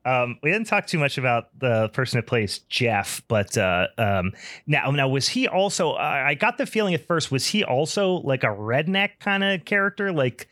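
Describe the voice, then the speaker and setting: Dude on a podcast, middle pitch, keeps restarting sentences, dry close mic. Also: male voice, big pitch swings, fairly bright tone, no room sound. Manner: halting, restarts, conversational asides. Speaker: podcast co-host. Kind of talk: casual podcast chat.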